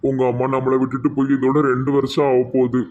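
A man's voice: medium pitch, monotone, fast, a little mellow, muffled recording, a little hiss or hum, natural voice. A man playing a grieving, stern middle-aged widowed father with a Tirunelveli Tamil accent, speaking earnestly. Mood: sad.

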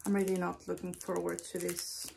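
A woman's voice: lowish voice, monotone, a little fast, gravelly, warm tone, slight background noise. A woman in her thirties talking casually to the camera as host of a challenge vlog, in a small room at home. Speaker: video host taking a candy challenge. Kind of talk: casual solo vlog chat.

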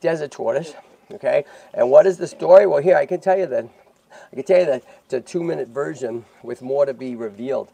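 Gravelly-voiced man chatting on a livestream. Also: a little high, fairly quick, mellow. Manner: chatty, keeps checking in with "right?" and "okay?". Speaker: host of a tortoise rescue livestream. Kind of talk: casual livestream chat.

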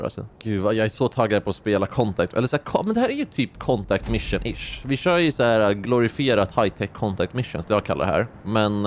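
This gaming-channel host, a man in his twenties, keeps up loose, excitable commentary as he plays, cracking jokes and wandering off topic. His voice is on the low side.

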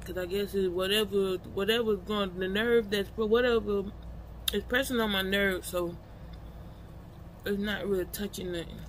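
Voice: mid-range voice, fairly even intonation, normal speed, a little hiss or hum, rough recording. A person chatting casually and colloquially to followers while eating, talking with a mouth full of food. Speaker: vlogger.

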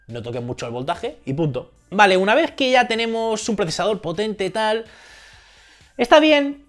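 Chatty man with higher voice. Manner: chatty, colloquial, informal slang and swearing. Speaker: tech YouTuber. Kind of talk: casual tech explainer.

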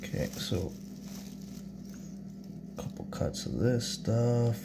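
A man in his thirties talks slowly and unhurriedly as he cooks, swearing and muttering half to himself. He was recorded by a phone propped on the counter in a small home kitchen, with loud, steady noise running underneath. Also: medium pitch, vocal fry. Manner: profane, muttering to himself while cooking. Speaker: home cook vlogger. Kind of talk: casual cooking vlog. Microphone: phone camera propped on the counter.

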